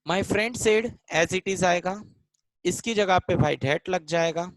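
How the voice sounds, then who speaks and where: A man's voice: sits high, slow pace, dry recording, poor audio. A man teaching English grammar in a live online class in Hindi, mixing in English, repeating lines and calling students by name. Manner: switches between Hindi and English mid-sentence.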